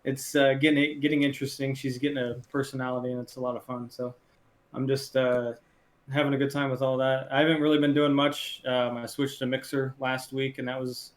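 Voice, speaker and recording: A young adult man with an ordinary mid-pitched voice, co-hosting a gaming podcast. He talks in a loose, rambling way, padding his sentences with ums and uhs. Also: a little fast. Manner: relaxed, rambling, many fillers. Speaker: podcast co-host. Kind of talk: casual chat.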